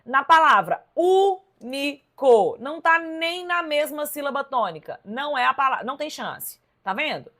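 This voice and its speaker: High-voiced Brazilian woman teaching. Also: normal speed, hardly any pauses. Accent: Brazilian Portuguese. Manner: lively, emphatic, addresses viewers directly with "ó" and "tá vendo?". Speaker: Portuguese teacher. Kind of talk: exam correction class. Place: live online class.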